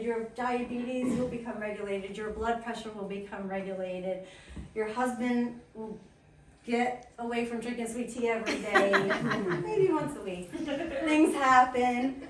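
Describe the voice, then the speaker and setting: Woman presenter, upbeat storyteller with quick asides, fairly high voice, caught from across an echoey room with faint background ambience. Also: far from the mic, slight background noise. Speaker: wellness coach giving a talk. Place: indoor event room at a chiropractic office.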